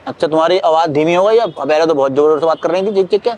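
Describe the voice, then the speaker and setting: A man playing a swaggering small-time male street thug who talks rough, boastful and bullying, in a staged sketch. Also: fairly high pitch, fast talker, darkish tone, natural voice. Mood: menacing.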